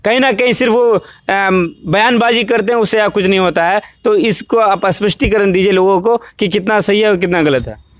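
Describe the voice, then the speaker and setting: Bihari male local reporter, high-pitched, rambling wordy questions, dry close audio. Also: normal speed, no room sound. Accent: Bihari Hindi. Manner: wordy, hesitant, restarting questions. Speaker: interviewer.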